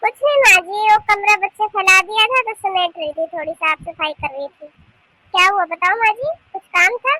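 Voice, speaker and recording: Sweet cartoon younger daughter-in-law. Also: female voice, very high-pitched, moderate pace, sharp tone, dry recording, poor audio. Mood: polite. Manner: polite, eager, explaining at length.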